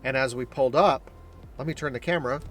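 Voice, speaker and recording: A man's voice: mid-range voice, fast, a little hiss or hum. A man chatting casually to the camera as a vlogger, upbeat and explanatory, recorded in a car and in a store. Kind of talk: casual vlog chat.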